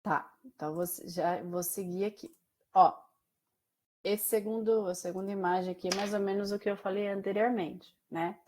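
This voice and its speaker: A woman's voice: mid-range voice, fairly even intonation, moderate pace, darkish tone. A woman from Mato Grosso do Sul teaches a class in a chatty, conversational way. Her Brazilian Portuguese carries a São Paulo caipira tinge. She fills her talk with small fillers and keeps putting questions to her students. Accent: Brazilian Portuguese with São Paulo caipira influence. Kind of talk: online class lecture.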